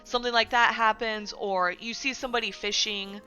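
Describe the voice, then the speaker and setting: Bright-voiced, chatty woman streamer. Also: a little high, fairly even intonation, normal speed, soft background music. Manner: chatty, filler-heavy, keeps asking "right?". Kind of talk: casual livestream commentary.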